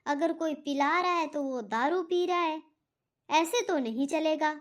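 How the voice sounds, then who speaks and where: A woman's voice: sits high, unhurried. A woman voicing a strict, stubborn middle-aged father in a cartoon. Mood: stern. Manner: stern, stubborn, lecturing. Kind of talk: cartoon voice acting.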